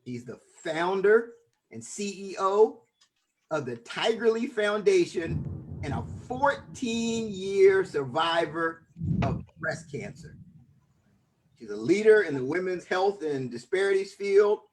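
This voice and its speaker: Eager higher-voiced male podcast host. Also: lively intonation, slow pace. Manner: enthusiastic, stumbles and repeats words. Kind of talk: casual interview introduction.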